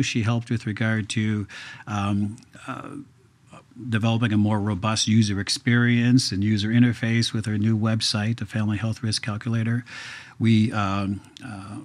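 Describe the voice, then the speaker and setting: Man explaining steps, measured and patient. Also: lowish voice. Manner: measured, explains step by step with fillers. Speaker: genetic counselor, guest. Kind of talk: explanatory interview talk.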